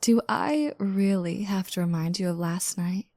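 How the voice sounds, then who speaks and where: A woman voices a playful, just-woke-up young girlfriend for an intimate audio roleplay, her mid-range voice expressive, mellow and slightly gravelly. She's mock bossy and teasing, speaking slowly and softly right up close with breathy asides, in a dry, roomless recording without echo.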